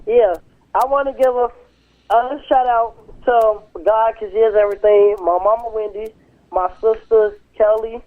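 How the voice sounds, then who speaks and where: A young man calls in over a thin, tinny phone line. His voice is high for a man. He talks haltingly and rambles, stopping often to search for words. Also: steady tone. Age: 20s. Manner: hesitant, rambling with fillers. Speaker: musician calling in. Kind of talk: casual phone interview. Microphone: telephone.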